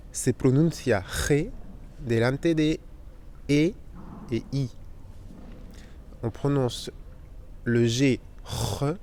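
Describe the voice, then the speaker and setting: A man's voice: mid-range voice, mellow, slight background noise. Man teaching Spanish letters. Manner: explains slowly, spelling out sounds and repeating them. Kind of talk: language lesson.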